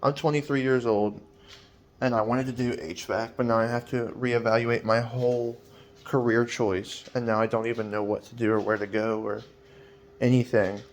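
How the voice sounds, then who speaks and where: A man's voice: mid-range voice, flat delivery, moderate pace, slight background noise. A man in his twenties talking in a personal vlog, hesitant and rambling with many fillers, sounding weary and anxious. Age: 20s.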